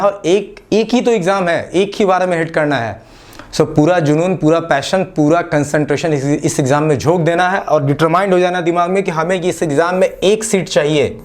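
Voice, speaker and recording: A man with a Jharkhand Hindi accent giving exam-prep advice. He talks in a casual, motivational way and mixes Hindi with English phrases. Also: on the high side. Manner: casual, repeats "ठीक है" as a filler. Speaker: exam coaching channel host. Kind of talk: exam-prep talk to the camera.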